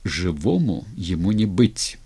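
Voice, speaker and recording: Man doing a commanding Cossack chief, low gravelly voice, curt barked questions, audiobook. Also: sing-song, slow pace, warm tone, full character voice. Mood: harsh, demanding. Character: Cossack ataman, grown man, furious and commanding.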